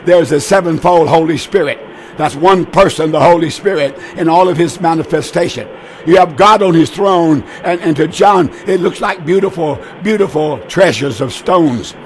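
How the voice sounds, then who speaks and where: With a slightly high voice and a little background noise, a man preaches and fields calls on a live Bible program. Preaching has left his voice weak and strained, and his exhortation is earnest, folksy and repetitive.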